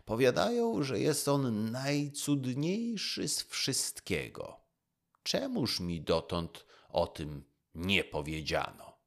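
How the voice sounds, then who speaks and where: A man's voice: mid-range voice, wildly swooping pitch, takes it slowly, gravelly, voice pushed up, full character voice. A man voicing a proud, vain old emperor who gives orders in a demanding way. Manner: imperious, demanding.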